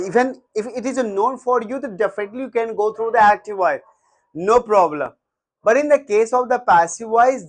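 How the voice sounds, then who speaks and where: A man with an Indian English accent teaching a grammar lesson, repeating words and dictating examples one at a time. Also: sits high.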